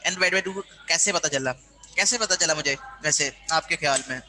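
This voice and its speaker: Bright-voiced male lecturer. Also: a little high, moderate pace, slight background noise, poor audio. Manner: explanatory, keeps checking in with students. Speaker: university lecturer. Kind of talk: classroom lecture.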